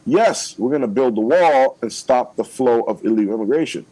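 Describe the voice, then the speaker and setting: A man's voice: mid-range voice, expressive, brisk, warm tone, rough recording. A man, a political candidate, making his case in a radio interview, emphatic and persuasive, checking in with "okay?" again and again.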